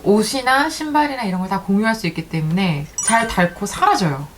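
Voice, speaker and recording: Brief: young female host, mid-pitched voice, casual group chat, noticeable background noise. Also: lively intonation, a little fast. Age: young adult. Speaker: host, eldest of four sisters.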